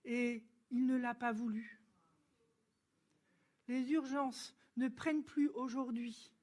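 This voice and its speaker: A woman with a bright, high voice tells a personal faith story to a congregation. She is chatty and informal, with plenty of fillers. She brings the story to life by acting out the dialogue. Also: takes it slowly. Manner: lively storyteller who acts out dialogue and laughs. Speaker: church speaker giving a testimony. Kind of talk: sermon testimony, storytelling.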